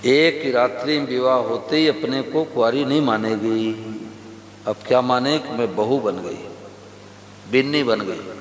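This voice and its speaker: A man's voice: medium pitch, measured pace. A man giving a devotional sermon to a gathering, telling stories with quoted dialogue and asking the audience questions. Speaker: religious preacher. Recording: echoey hall with faint hum.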